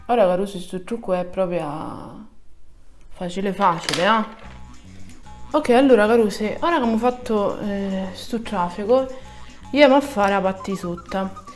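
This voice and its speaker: A woman's voice: medium pitch, a little slow, faint music behind. Southern Italian woman with a Sicilian accent. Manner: colloquial, repeats words for emphasis. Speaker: makeup tutorial host. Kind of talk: casual step-by-step makeup tutorial in Sicilian dialect.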